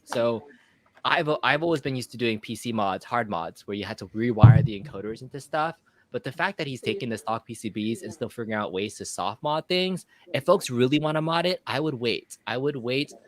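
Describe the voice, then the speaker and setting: A man's voice: medium pitch, animated, fairly quick. A man hosting a casual podcast chat, talking like a hobbyist reviewer. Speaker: show host and arcade cabinet reviewer.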